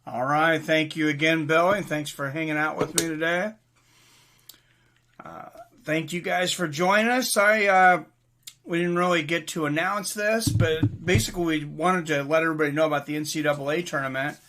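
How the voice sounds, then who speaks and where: A man with a bright, forceful voice pitched a little high hosts a relaxed online show. He rambles easily through his thoughts and sign-offs. The delivery is loose and conversational. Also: moderate pace, a little hiss or hum. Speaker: host. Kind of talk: casual chat.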